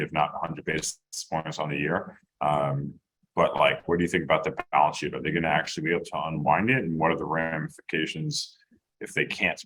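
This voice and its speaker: A man in a casual panel discussion, asking questions in a halting way as he thinks aloud and restarts his sentences. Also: very deep voice, fairly bright tone, slightly rough, low-quality recording. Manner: halting, thinking aloud with repeated false starts.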